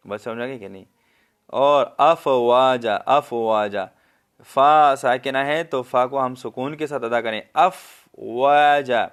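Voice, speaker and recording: Teaching a tajweed lesson, a man with a Pakistani Urdu accent explains the rules, then slowly recites the verses in a raised, melodic voice as a demonstration. His medium-pitched voice is a bit bright and clean, and he often asks whether the listener has understood.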